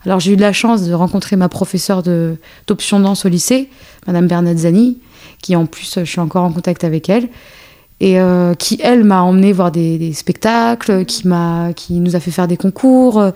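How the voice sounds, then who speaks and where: Her voice is lowish and dark, with a moderate pace. She's in her thirties, Algerian-born and raised in a suburb of France, and works as a choreographer and dance teacher. Speaking as an interview guest, she keeps it casual, often restarting and filling pauses.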